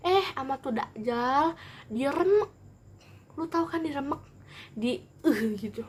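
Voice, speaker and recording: A young woman telling a childhood story in a casual vlog, animated and rambling. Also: high-pitched, slow, slight background noise. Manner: animated, rambling, acts out every quote. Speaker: vlogger.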